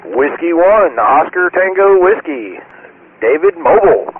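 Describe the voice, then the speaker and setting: A man's voice: high voice, lively intonation, measured pace. A man checking in casually over amateur radio from a mobile set, with radio static. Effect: two-way radio transmission. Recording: tinny, narrow-band radio with static noise.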